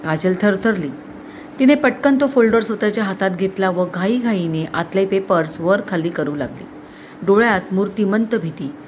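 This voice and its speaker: Woman storyteller, dramatic expressive narration, mid pitch. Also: moderate pace, a little hiss or hum.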